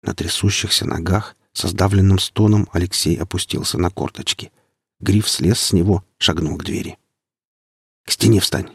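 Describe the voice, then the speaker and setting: A man reading an audiobook in a steady, measured way. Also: low voice, gravelly, slightly rough, dry recording, clean studio sound. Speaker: audiobook narrator. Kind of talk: audiobook narration.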